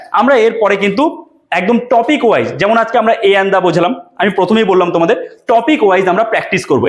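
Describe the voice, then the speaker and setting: A man teaching an English grammar lesson for exam prep, often repeating questions and checking that students follow. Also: high-pitched.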